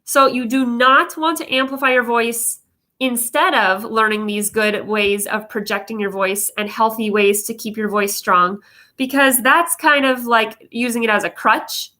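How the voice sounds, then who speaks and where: Female vocal coach, higher-pitched and very bright, explanatory and emphatic, talking informally to online viewers. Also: unhurried. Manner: explanatory, emphatic, with frequent check-in questions. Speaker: vocal coach presenting advice videos. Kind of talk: informal instructional talk to viewers.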